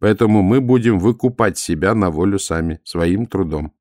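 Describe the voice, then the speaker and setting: A man voicing a calm, polite male golem who speaks in an even, measured way. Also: low voice, no echo, studio quality, natural voice. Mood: calm earnest.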